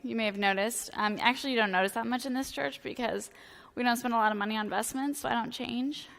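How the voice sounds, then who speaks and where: A priest, a hoarse woman in her thirties, gives a casual, joking sermon, talking fast in a chatty, self-deprecating style packed with filler words. Her bright, slightly high voice rings with the long reverb of a church sanctuary.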